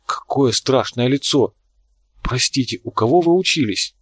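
A man's voice: on the high side, animated, brisk, creaky, no room sound, clean studio sound, pitched above the performer's own voice. A man voicing a shy, touchy young woman artist. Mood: astonished.

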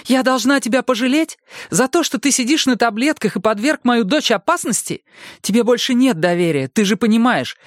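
A woman playing an angry, protective mother in an audiobook, sharp and scolding. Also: a little high, animated, a little fast, dry recording, studio quality, close to an everyday voice. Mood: bitter scolding. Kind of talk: audiobook character voice.

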